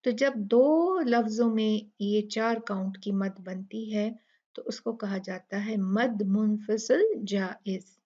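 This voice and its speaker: Slow, patient female tajweed teacher, dull lo-fi sound. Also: medium pitch, mellow. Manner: patient, explains slowly and demonstrates each recited word. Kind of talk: step-by-step recitation lesson.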